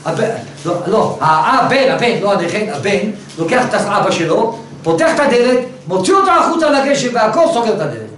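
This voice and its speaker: Guy teaching torah, lots of rhetorical questions, far from the mic, roomy echo, faint noise. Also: high voice. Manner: animated storyteller, rhetorical questions. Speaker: religious teacher. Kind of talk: Torah lesson with a told parable. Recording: very echoey room, distant mic, faint noise.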